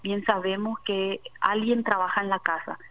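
Woman doctor as guest, calm explainer, muffled radio sound. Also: mid-range voice, slight background noise. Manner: measured, explanatory, frequent tag questions. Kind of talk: explanatory interview answers.

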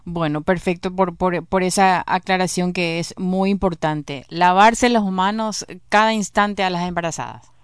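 Woman host, halting questions, low smooth voice, dry sound. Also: dry recording. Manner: hesitant, repeats words, frequent backchannel murmurs. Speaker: interviewer, radio host. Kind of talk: radio interview.

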